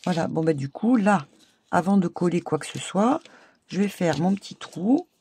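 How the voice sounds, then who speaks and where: A woman's voice: lowish voice, lively intonation, normal speed, dark tone, a little hiss or hum. A woman hosting a casual crafting tutorial, chatting and narrating her steps as she works. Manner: chatty, talks while working, many fillers. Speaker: crafting video host.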